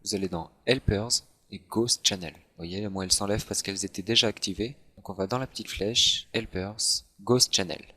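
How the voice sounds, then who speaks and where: A man talks through a software tutorial at his computer, step by step and unhurried, dropping the odd self-mocking aside. His voice sits a little low yet comes across bright and forceful. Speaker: tutorial host. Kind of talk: screen-recorded software tutorial.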